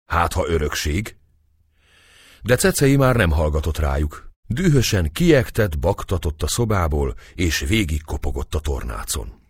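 A man reading a historical novel aloud in expressive storybook narration. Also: deep voice, breathy edge, dry recording, clean studio sound. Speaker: audiobook reader.

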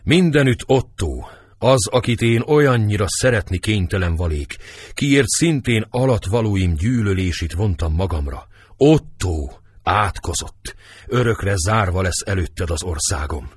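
A man voicing a stern middle-aged king who speaks in a sharp, commanding way. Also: lowish voice, lively intonation, husky, no room sound, clean studio sound. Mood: bitter.

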